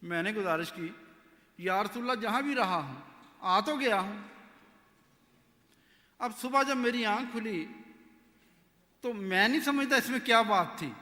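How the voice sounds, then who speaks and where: A man telling his personal conversion story in a lively, anecdotal way, acting out the dialogue. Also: high voice. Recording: echoey hall with long reverb.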